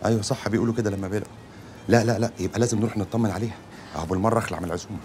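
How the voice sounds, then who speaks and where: A young actor with an Egyptian accent playing a nervous, stammering son and husband. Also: male voice, fairly low pitch, fairly even intonation, racing, over music, lightly acted. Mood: anxious. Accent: Egyptian Arabic. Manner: flustered, stammering. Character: nervous son dodging a dinner. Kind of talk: comedy series acting.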